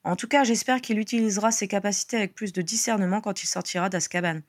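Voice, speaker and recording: A woman's voice: mid-range voice, steady tone, fast talker, natural voice. A woman voicing a weary male police sergeant who speaks with a resigned sigh, in a storybook reading. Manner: sighing, resigned.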